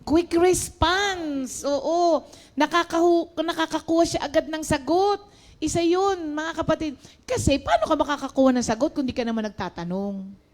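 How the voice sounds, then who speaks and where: High-voiced woman preaching casually. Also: lively intonation, normal speed, a little mellow. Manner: chatty, mixes in English, addresses listeners as brothers and sisters. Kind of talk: conversational sermon.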